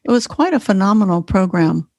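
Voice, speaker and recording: A woman's voice: mid-range voice, expressive, fairly quick, creaky, darkish tone, no room sound, studio quality. A woman co-hosting a podcast as a Feldenkrais teacher, explaining in an earnest, conversational way. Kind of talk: casual conversation.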